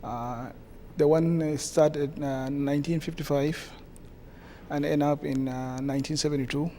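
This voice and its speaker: A man from South Sudan with a South Sudanese accent, answering interview questions haltingly with many pauses. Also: a little high, steady tone, warm tone, slight background noise. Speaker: guest, community association president.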